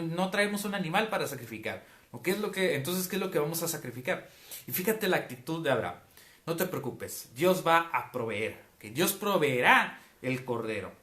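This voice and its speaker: A man teaches from the Bible in an easy, conversational way, pausing often to check that his listeners follow. His voice sits slightly high. The room around him adds a noticeable echo. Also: a bit bright. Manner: casual, checks in with listeners with frequent "ok?". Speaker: preacher. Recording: roomy echo.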